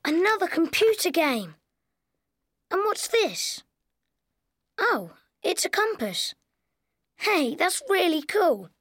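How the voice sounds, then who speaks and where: A woman voicing an excitable young boy adventurer in a children's story, with clearly spoken, exaggerated questions and exclamations. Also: very high-pitched, slow pace, long pauses, no echo, clean studio sound, heavily acted. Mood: curious, pleased. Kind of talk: scripted children's story dialogue for language learners.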